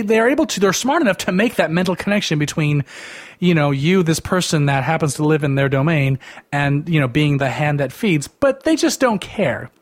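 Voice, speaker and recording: A man ranting casually, rambling with constant "like" fillers and a sarcastic, dismissive edge. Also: a little high. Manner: rambling, heavy use of "like" fillers. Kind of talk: casual opinion rant.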